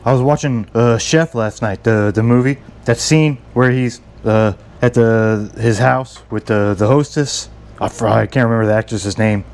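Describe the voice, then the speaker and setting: A man's voice: medium pitch, moderate pace, darkish tone, a little hiss or hum. A man talking casually through a home recipe, stammering and repeating words as he goes, rambling and self-deprecating. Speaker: home cook. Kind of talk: casual cooking vlog.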